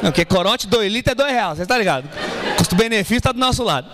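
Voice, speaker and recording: High-pitched comic guy, cursing and acting out every voice, talks fast. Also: a loud crowd, heavy background noise. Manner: animated, profane, acts out both sides of dialogue. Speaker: stand-up comedian. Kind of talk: stand-up storytelling. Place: small café stage with live audience.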